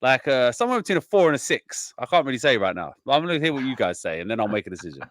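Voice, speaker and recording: A man's voice: medium pitch, big pitch swings, very fast, a bit bright. A man co-hosting a film podcast, rambling and swearing a lot while a bit drunk. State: tipsy. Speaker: podcast co-host. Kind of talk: casual film review chat.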